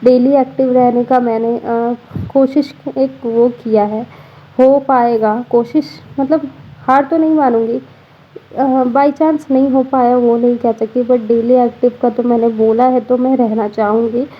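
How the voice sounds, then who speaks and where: Tired young woman vlogger, husky. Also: on the high side, steady tone, a little slow, muffled recording. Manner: chatty, frequent fillers like 'matlab'. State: tired, slightly congested. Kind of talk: casual voice-over narration. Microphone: voice-over recorded separately.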